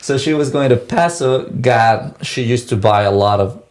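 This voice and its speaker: Young man, halting storyteller, restarts a lot. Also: mid-range voice. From Mexico. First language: Spanish. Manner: halting, restarts and repeats words. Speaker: guest. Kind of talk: casual personal storytelling.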